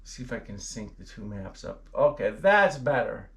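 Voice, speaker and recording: A man's voice: on the low side, big pitch swings, moderate pace, creaky. A man casually walking through a weather forecast, chatty and playful, tossing out goofy exclamations and fumbling aloud with his maps.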